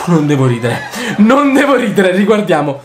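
A young man hosting a reaction video, excitable and quick to shout and laugh between comments. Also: high-pitched, background noise. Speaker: YouTuber host.

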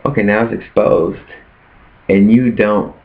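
Deep-voiced earnest preacher man. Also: fairly even intonation, unhurried. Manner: earnest, asks rhetorical questions. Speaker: preacher sharing his fast. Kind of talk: casual preaching vlog. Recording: tinny phone-like sound.

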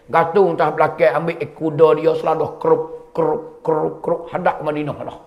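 A man's voice: on the high side, level tone, fairly quick, highs cut off. A man with a Kelantan-Pattani Malay accent, a religious teacher telling a dramatic story in a sermon and acting out the people in it. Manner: dramatic storyteller, acts out wailing and dialogue.

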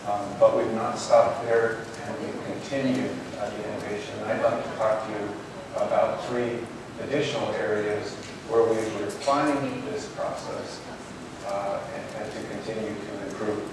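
A man's voice: on the low side, steady tone, moderate pace. A man on stage giving a conference keynote in a hotel ballroom, friendly and loose with frequent fillers. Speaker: program manager giving a keynote. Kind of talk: conference presentation. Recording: echoey ballroom from far off with hiss.

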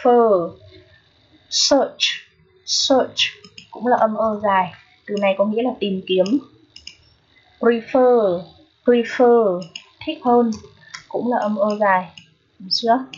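Husky Vietnamese woman teaching English. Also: medium pitch, fairly even intonation, lo-fi sound. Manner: checks in with listeners often; repeats each word slowly. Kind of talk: phonetics lesson.

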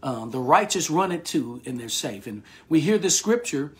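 A male pastor with a scratchy, hoarse voice, giving an earnest prayer and sermon with repeated thanks and frequent restarts. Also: on the high side, very animated, moderate pace. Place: remote online service, outside the church building.

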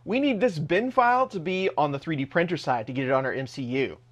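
A man's voice: on the high side, animated, fast talker. A man narrating a screen-recorded tech tutorial step by step in a casual, plain way. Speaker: host of a 3D printing tech channel.

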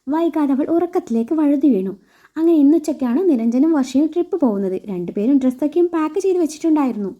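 A woman storyteller reading a scripted romantic story in a steady, expressive way. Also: high voice, fast, muffled recording.

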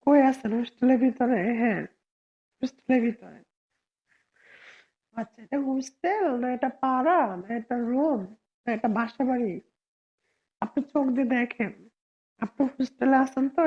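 A hoarse woman with a cold, hosting a casual live stream and arguing sharply with viewers. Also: high-pitched, moderate pace, long pauses, lo-fi sound. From Bangladesh. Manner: argumentative, answers viewers sharply.

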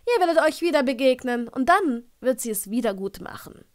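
A woman's voice: sits high, animated, brisk. Woman playing a tart older witch professor. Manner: sharp, dry wit.

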